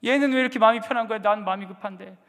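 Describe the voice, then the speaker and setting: Male pastor, very high voice, dramatic preaching, long church reverb. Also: racing. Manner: dramatic, acts out scolding parents and shouts. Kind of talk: sermon. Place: large church sanctuary.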